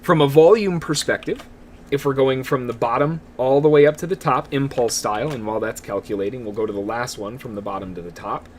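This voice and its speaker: A man's voice: mid-range voice, fairly quick, a little hiss or hum. A man giving live day trading commentary, chatty and laughing often as he greets viewers in the chat.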